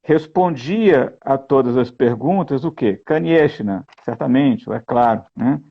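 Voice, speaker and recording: A man explaining grammar and translation in a lesson, slow and explanatory, often checking in with "né?". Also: mid-range voice, expressive, gravelly, husky, highs cut off. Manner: slow, explanatory, keeps asking "né?". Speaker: guest reading and translating a text.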